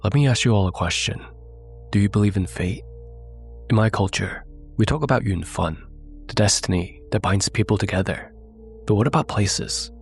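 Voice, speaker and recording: Stuffed up with a cold, the host and narrator of his own show reads a scripted scary tale in a low, gravelly voice. He keeps the pacing measured and suspenseful, speaks straight to his audience, and soft music sits beneath him.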